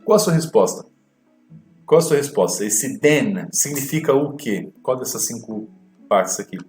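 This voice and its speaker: Guy teaching, goes over exam questions slow, repeats words, echoey room, faint music. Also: mid-range voice, expressive, darkish tone. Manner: explains slowly, repeats words to model pronunciation. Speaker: English teacher. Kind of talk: exam walkthrough lesson.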